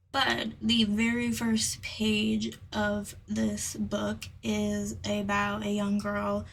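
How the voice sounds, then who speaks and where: A woman vlogging about books in a slow, unhurried ramble, her voice a touch high and edged with fry. She drifts into hushed asides as she talks. A faint hiss sits under the home recording. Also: recorded from a distance, low-quality recording. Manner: rambling, chatty, drifts into whispers. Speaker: booktuber. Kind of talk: casual vlog chat.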